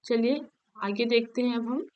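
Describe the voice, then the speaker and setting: A woman's voice: a little high, normal speed, clear, resonant tone, dull audio. A woman teacher giving an exam-prep grammar lesson, patiently repeating each point and drilling word forms one by one.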